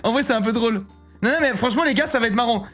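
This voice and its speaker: A man in his thirties chatting casually on a live stream, excitable and rambling, often breaking into giggles. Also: very high-pitched, racing, faint music behind. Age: 30s.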